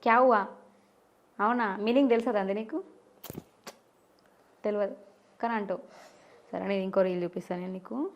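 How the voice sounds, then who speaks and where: A woman interviewer asking a child quick, coaxing questions in a casual interview. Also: medium pitch, muffled recording.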